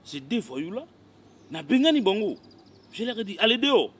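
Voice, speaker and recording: A man's voice: on the high side, sing-song, moderate pace, breathy edge. A man playing an indignant man who rants about two louts in a film. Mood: ranting. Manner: indignant, ranting. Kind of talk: Congolese film acting.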